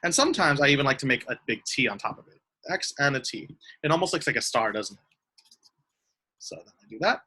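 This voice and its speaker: Animated sing-song teacher on a video call. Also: mid-range voice, a little fast, husky. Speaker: elementary school teacher. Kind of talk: online craft lesson for young children.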